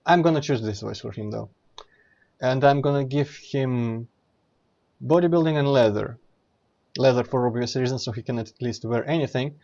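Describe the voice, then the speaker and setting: A man commentates casually over his own game playthrough. He explains as he goes, rambling and correcting himself, in a middle-pitched voice through a slightly dull microphone. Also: moderate pace, creaky, darkish tone. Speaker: streamer playing and commenting. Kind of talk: casual let's play commentary.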